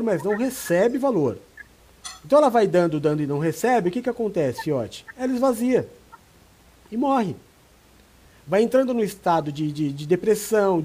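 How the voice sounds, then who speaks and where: A man's voice: high-pitched, slightly rough. A man, a pastor, giving relationship advice in a casual chat and acting out the people he quotes. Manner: animated, acts out quoted voices. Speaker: pastor and co-host.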